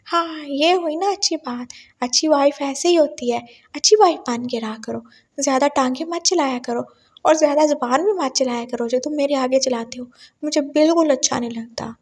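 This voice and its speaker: A woman's voice: high voice, moderate pace. A woman voicing a drunk, childish young husband who whines and pleads like a little boy. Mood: childish pleading. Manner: whiny, babyish pleading.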